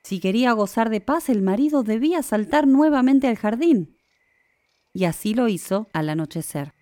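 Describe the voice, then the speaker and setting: A woman's voice: a little high, animated, dark tone, no room sound. Woman reading a fairy tale, dry close sound. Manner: measured storytelling. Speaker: narrator.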